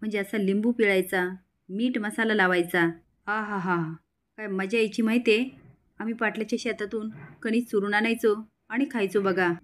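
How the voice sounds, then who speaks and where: A woman's voice: medium pitch, fairly even intonation, a little fast, lightly acted. A woman voicing a cheerful young village girl who speaks in rustic, countrified speech.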